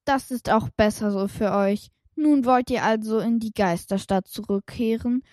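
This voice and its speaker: Stern gate guard demanding a password, voiced by a woman; low, dark and close to the mic. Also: normal speed, no echo, lightly acted. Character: stern female gatekeeper of a ghost town.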